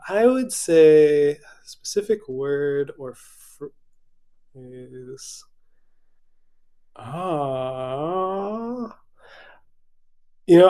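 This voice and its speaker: Speaking in a fairly high, mellow voice, a young Hawaiian man who translates literature talks casually over video at a virtual event. English is his first language, and his speech is hesitant, crowded with fillers and false starts.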